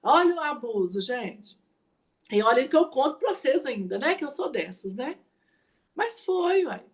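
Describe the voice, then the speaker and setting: A woman giving a class as a mentor. She tells personal stories in a chatty, animated way and keeps asking her listeners questions. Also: high voice. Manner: animated, chatty, often asks the audience 'né, gente?'. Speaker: mentor teaching an online class. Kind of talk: teaching talk with personal stories.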